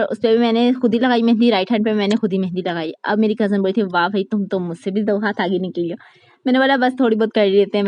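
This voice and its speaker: A young woman with a Karachi Urdu accent, narrating a casual vlog in a fast, chatty way and laughing often. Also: on the high side, dry recording, highs cut off. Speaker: vlogger.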